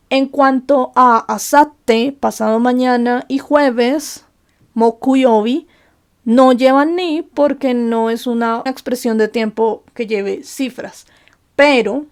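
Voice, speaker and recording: High, gravelly-voiced woman teaching. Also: darkish tone. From Colombia. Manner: patient, asks rhetorical questions and answers them. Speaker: Japanese teacher. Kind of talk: explaining grammar lesson over slides. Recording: faint background music.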